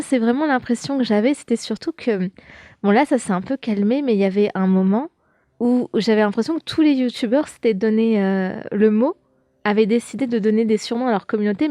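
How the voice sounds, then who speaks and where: A woman's voice: a little high, warm tone, no echo, clean studio sound. A young woman hosting a podcast, chatting casually as she reads out viewer comments, with lots of fillers and restarts. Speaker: podcast host.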